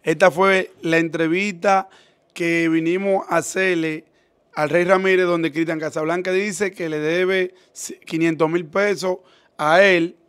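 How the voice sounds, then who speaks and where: A man's voice: a little high, little pitch movement, measured pace, a bit bright, smooth. A man who hosts the interview and mostly adds short remarks, then gives a wrap-up to his audience. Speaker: show host. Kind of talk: casual interview.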